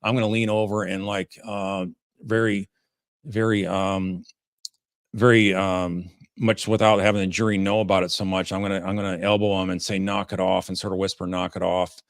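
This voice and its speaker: A man hosting a livestream of legal commentary, talking informally and haltingly as he takes audience questions. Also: sits low, flat delivery, no echo, clean studio sound. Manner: halting, informal, rambling delivery. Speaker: host, defense lawyer commenting on a trial.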